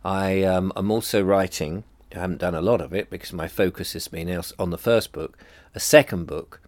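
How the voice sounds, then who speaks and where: With many ums and restarts, a middle-aged vlogger whose nose is blocked up reflects hesitantly to camera, rambling about personal matters. His low, congested voice moves at a moderate pace. There is no echo.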